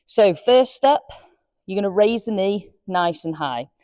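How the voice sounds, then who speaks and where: A woman's voice: medium pitch, animated, a little slow, a little mellow, no echo, studio quality. Breathless woman coaching hip exercises. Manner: clear step-by-step cueing while demonstrating. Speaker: golf fitness coach. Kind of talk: instructional exercise demonstration.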